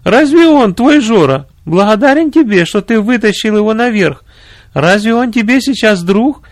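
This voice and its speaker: A man's voice: medium pitch, vocal fry, warm tone, no echo, clean studio sound, lightly acted. A man voicing an indignant middle-aged general's wife who scolds with pointed rhetorical questions.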